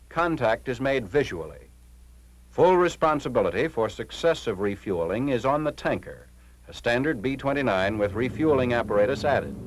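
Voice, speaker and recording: For a 1940s military training film, a mid-pitched American man delivers a formal, clipped instructional read over a noisy vintage soundtrack.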